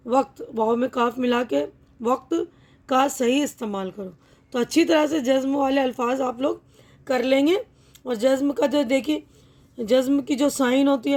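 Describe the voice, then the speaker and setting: A woman teacher with a high, light voice walks pupils through a textbook lesson. She is patient and methodical, spelling out each word slowly and often pausing to check that they follow. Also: darkish tone. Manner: patient, repeats words slowly, checks understanding.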